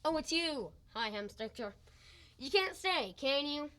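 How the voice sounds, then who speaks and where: A boastful, blustering husband in an old-time radio comedy, played by a young actress. He brags and bickers in a bright, lively voice that leaps up in pitch whenever he gets excited. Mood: bickering. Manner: loud, exclamatory, quick to boast and bicker. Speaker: school radio play actor.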